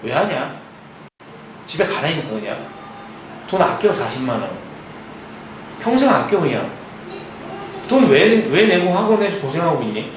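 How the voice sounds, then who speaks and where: A man's voice: a little high, sing-song. A young man tutoring math at an academy classroom, lecturing and scolding his students, checking in with them constantly. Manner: scolding, lots of quick check-in questions. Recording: very echoey room, mic far off, noisy.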